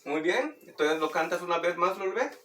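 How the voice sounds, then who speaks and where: A man teaching Maya words through a children's song, speaking slowly and patiently and repeating words for practice. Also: high-pitched, lively intonation, a bit bright. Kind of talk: explaining and demonstrating a children's song. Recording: roomy, distant mic, faint background noise.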